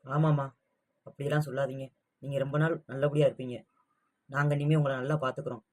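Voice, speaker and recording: A man's voice: mid-range voice, little pitch movement, fast, a little mellow, natural voice. A man playing a regretful younger son. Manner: reassuring, regretful. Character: younger son working away from home.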